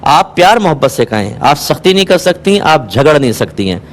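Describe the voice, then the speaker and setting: A man answering viewers' religious questions on a call-in show, calm and explanatory, asking listeners to check they follow. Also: on the high side, a little hiss or hum. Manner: calm, explanatory, patient advice; asks rhetorical checks, occasionally amused.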